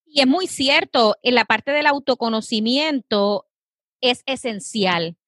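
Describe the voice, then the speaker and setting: A woman with a fairly high voice hosts an interview. She asks her questions and affirms what her guest says, adding her own thoughts. Her voice sounds dry and close. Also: slow, fairly bright tone, no echo. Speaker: interviewer and host.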